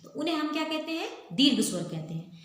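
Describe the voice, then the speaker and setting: A woman's voice: high-pitched, very animated, fast talker. Woman teaching Hindi grammar, echoey room. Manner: explains patiently, repeats points, asks and answers her own questions; draws out vowel sounds as spoken examples. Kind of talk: recorded classroom lesson. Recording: very echoey room with faint noise.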